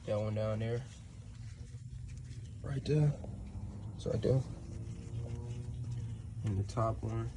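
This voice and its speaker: Speaking slowly in a lowish voice with long pauses, a DIY vlogger works on a truck outdoors and narrates casually, pointing things out. The phone recording picks up a lot of outdoor noise.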